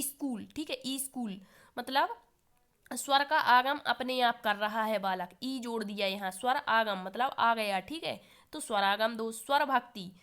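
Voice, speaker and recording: A woman's voice: on the high side, fairly bright tone, clear, resonant tone. A woman teaching an exam-prep lesson who keeps putting questions to the learners and then answering them herself, with a cough now and then.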